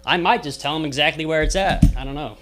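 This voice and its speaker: A laid-back man talks through a casual studio chat, playful and quick to poke fun at himself. His voice sits a little higher than most men's. He sounds relaxed and easygoing. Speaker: co-host.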